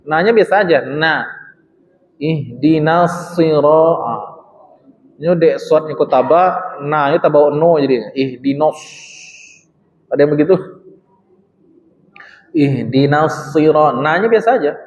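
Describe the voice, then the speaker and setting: A man's voice: a little high, slight background noise. A man, a religious teacher, giving a study-circle lesson on Quran recitation, stretching out recited phrases and quizzing his listeners. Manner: slowly drawn-out recitation demonstrations, quizzes the congregation. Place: mosque hall. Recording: echoey mosque hall, dull sound.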